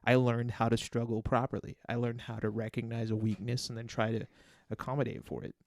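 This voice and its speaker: A man's voice: mid-range voice, level tone, brisk, creaky, darkish tone, dry recording. A man co-hosting a casual podcast, explaining himself earnestly and carefully, with many fillers and restarts. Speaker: podcast co-host.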